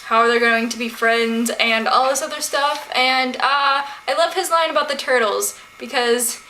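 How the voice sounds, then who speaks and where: A woman book vlogger talks to camera in a high-pitched, pushed and bright voice at normal speed. Her casual book discussion is slangy and full of asides and questions to viewers. The room is echoey, with faint noise.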